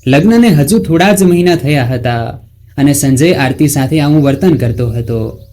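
A male storyteller reads a dramatic story in a slow, even manner. His voice is pitched a little high and sounds warm and mellow. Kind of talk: scripted story narration.

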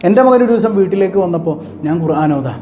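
A man with a Malabar Malayalam accent voicing a grieving mother in a retold story, in a hushed, sorrowful way. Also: sits high, expressive, fast, roomy sound, a little hiss or hum. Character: grieving mother whose son died.

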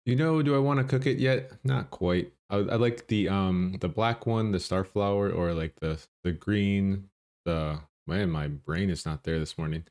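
Commenting on his playthrough in a relaxed, self-deprecating way, this man hosts a gaming channel and thinks out loud as he goes. He has a bassy morning voice with a darkish tone and speaks at a measured pace.

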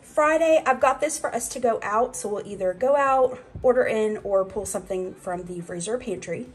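A woman's voice: a little high, moderate pace, low-quality recording. A young woman hosting her own cooking channel, chatting casually through a grocery haul in her home kitchen. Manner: chatty, rambling, with fillers and asides.

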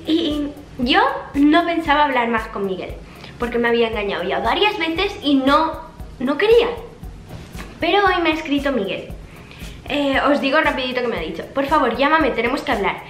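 High-voiced young woman vlogging. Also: sing-song, moderate pace, pauses often. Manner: chatty, dramatic, reads messages aloud with punctuation. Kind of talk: casual storytelling, reading text messages aloud. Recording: echoey room with faint background music.

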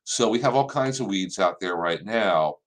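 An older man with a slightly low voice talks through gardening questions on a live stream. His delivery is relaxed and conversational, plain practical advice with the occasional um. He speaks into a desk webcam in his office. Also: normal speed. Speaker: extension horticulture host. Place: office with framed certificates on the wall.

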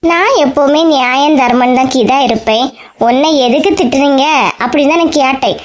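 A preachy, self-important village woman from a cartoon, voiced by a woman. She complains in a Kanyakumari Tamil accent, her voice high but a touch lower than the sweet girl beside her. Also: fairly quick, natural voice. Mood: self-righteous. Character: village woman Vasanthi, self-righteous and gossipy.

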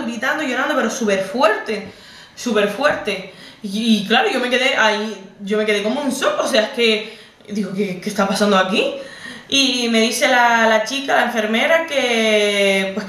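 Speaking straight to camera, a young Canarian Spanish vlogger recounts a personal story, her voice a little high and sharp in tone. She keeps circling back and repeating herself as emotion builds, in a conversational way, and the distant mic gives a roomy sound.

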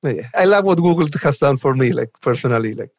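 Speaking fast and animatedly at a medium pitch, this Chilean software developer advocate is a guest on a casual podcast interview. He has a Chilean Spanish accent, sounds enthusiastic, and laughs lightly while talking, with no room sound in the recording.

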